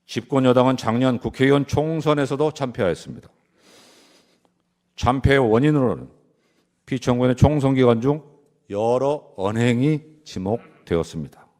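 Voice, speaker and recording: A man's voice: medium pitch, a little mellow. Solemn man delivering a formal courtroom argument. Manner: solemn, deliberate, emphatic phrasing in short segments. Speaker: lawyer delivering a closing argument. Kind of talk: formal prepared courtroom speech.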